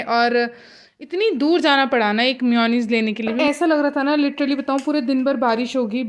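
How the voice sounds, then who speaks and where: Chatty young woman vlogging at home. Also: on the high side. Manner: chatty, mixing in English words. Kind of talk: casual vlog narration.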